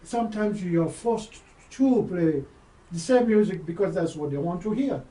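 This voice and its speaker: A man's voice: high-pitched, expressive, normal speed, warm tone. A man who works as a DJ, talking in a casual interview, hesitant and often repeating words while he thinks. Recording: roomy sound, voice far from the mic, faint background ambience.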